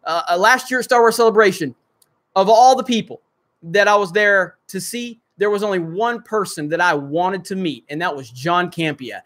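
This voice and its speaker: Speaking at a normal pace in a high, slightly bright voice, a livestream host rambles through viewer comments. He reads super chats aloud and answers them, using plenty of fillers.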